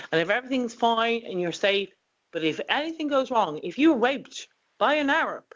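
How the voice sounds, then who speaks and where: A talk show host, brisk and insistent, often pausing with um. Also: medium pitch, a bit bright, poor audio. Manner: brisk and insistent, with many ums. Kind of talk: political talk show interview.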